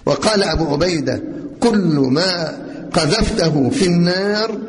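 A man's voice: high voice, measured pace. A man with an Egyptian Arabic accent gives a religious lesson on Quran commentary and quizzes his listeners with rhetorical questions. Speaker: religious teacher. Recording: long reverb, faint noise.

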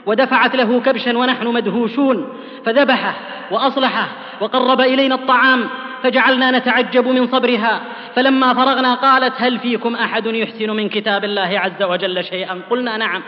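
A man preaching a sermon, telling old stories fervently and dropping low and soft on solemn phrases. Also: a little fast, big-room sound, muffled recording. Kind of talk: sermon with storytelling.

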